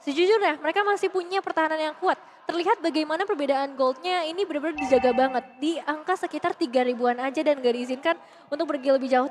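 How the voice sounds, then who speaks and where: A woman with an Indonesian accent giving live match analysis as an esports commentator. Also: high-pitched. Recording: noisy event ambience behind voice.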